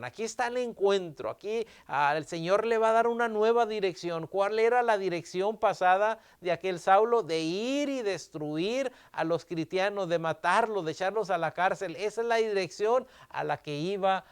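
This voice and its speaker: A man's voice: high voice, clean tone. A male pastor giving a Sabbath school sermon, reading scripture aloud and explaining it with emphasis.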